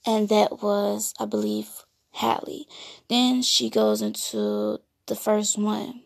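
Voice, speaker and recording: Gravelly-voiced woman casually reviewing an album. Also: medium pitch, slow pace. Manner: explains lyrics line by line in relaxed casual speech. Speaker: music reviewer.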